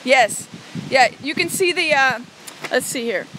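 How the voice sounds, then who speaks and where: An American woman, a theology student and vlogger, chats enthusiastically to camera in a casual tour vlog as she walks around college grounds, both indoors and outdoors. Her high voice is expressive and measured in pace. She films on a handheld phone at arm's length, with faint noise in the recording.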